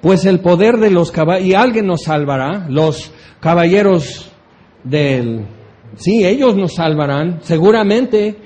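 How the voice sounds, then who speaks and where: A man teaching a Bible passage as a preacher, chatty and animated, often slipping into mock voices. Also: sits high, slow pace.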